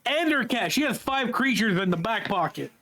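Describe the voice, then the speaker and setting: A man's voice: extremely high pitch, expressive, moderate pace, sharp tone. A man narrating as game master of a casual tabletop game, laughing often between rulings.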